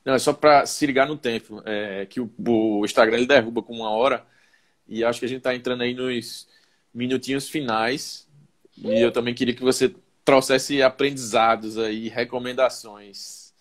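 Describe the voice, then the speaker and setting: A man of middling pitch hosts an online live chat. He mostly gives short nods of agreement and gently steers the talk toward its end. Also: fairly even intonation, normal speed. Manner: brief acknowledgments, keeps an eye on the time. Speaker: live-stream host. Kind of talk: casual live-stream conversation.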